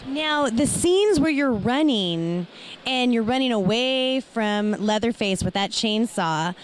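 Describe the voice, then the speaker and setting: Higher-voiced woman interviewer asking casual questions. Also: animated, slow, a little hiss or hum. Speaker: interviewer, horror show host.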